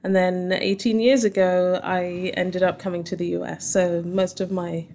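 Lower-voiced southern English woman, home counties accent. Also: level tone, normal speed, a little mellow, slight background noise. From Surrey, southern England. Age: middle-aged. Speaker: interview guest, company chief scientist. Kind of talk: conversational interview answers about personal background.

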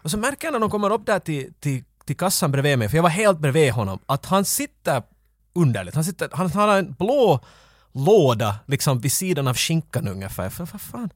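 A man chats casually on a podcast, his fairly high voice swinging widely as he rambles through a story. He restarts phrases often, and the sound is dry and close. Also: big pitch swings, no echo. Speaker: podcast co-host.

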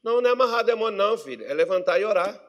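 A pastor with a Brazilian Portuguese accent preaches a sermon in church, animated and funny as he acts out the voices of worried believers. His voice is high and his delivery rapid-fire.

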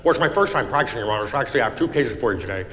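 A man's voice: mid-range voice, lively intonation, very fast, fairly bright tone. A man playing a nervous first-time lawyer, hesitant and fumbling over his words. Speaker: comedian. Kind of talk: comedy sketch, playing a nervous novice lawyer. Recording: roomy hall reverb, faint noise.

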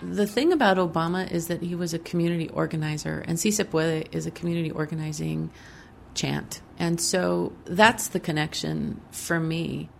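A woman who directs a community center speaks in a measured, earnest interview clip. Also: deep voice, fairly even intonation, creaky, slight background noise.

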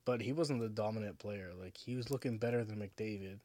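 A low-voiced man talks as if into his own podcast, clearly drunk. He rambles casually, circles back over the same phrases and swears freely. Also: brisk, a little mellow, dry recording. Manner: rambling, profane, repetitive. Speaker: podcast host. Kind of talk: casual sports podcast monologue.

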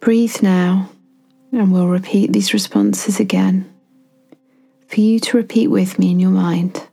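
A woman guiding a self-compassion meditation, speaking softly and soothingly with long pauses between phrases. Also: mid-range voice, steady tone, vocal fry, husky. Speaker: meditation guide.

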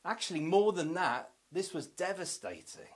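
A man, a church minister, giving a devotional Advent reflection and reading scripture, in a measured voice that sinks to soft, hushed tones. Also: sits high, lively intonation.

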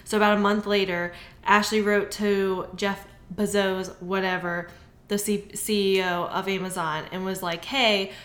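A woman's voice: mid-range voice, level tone, moderate pace, fairly bright tone. A woman casually telling a story on a podcast, swearing often and acting out the people she quotes. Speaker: podcast co-host. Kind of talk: casual chat. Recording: echoey room.

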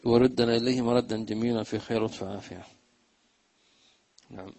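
A man giving a religious lesson, chanting lines of verse slowly and then explaining them in quick, plain talk. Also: mid-range voice, fairly even intonation, dark tone, low-quality recording. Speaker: religious teacher.

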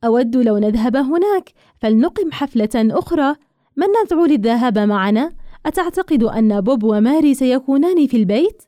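A woman voicing an excitable, gossiping young woman who gushes in high exclamations. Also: brisk, dry recording, studio quality. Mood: excited gossip.

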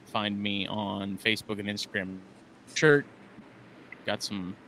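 A man's voice: lowish voice, little pitch movement, unhurried, a bit bright, soft background music, rough recording. A man co-hosting a casual live-stream chat over buzzy, glitchy internet call audio that keeps cutting out, talking in a loose, rambling way. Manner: rambling, loose delivery with fillers. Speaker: co-host.

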